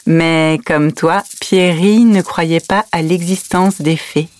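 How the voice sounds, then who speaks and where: A woman's voice: fairly low pitch, fairly even intonation, takes it slowly, a little mellow. A woman playing a patient, tender mother who tells her children a fairy tale at bedtime. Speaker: storyteller. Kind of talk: audio story, bedtime storytelling.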